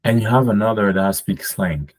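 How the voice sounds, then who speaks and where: A man's voice: fairly low pitch, normal speed. A man from Cameroon, a podcast guest, talking casually and rambling with many fillers and restarts. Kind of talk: casual conversation.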